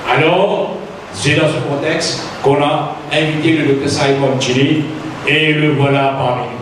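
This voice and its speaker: A man hosting a public talk, introducing a speaker in deliberate, emphatic short phrases. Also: on the high side, fairly even intonation. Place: large room with an audience. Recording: distant, very echoey hall, noisy.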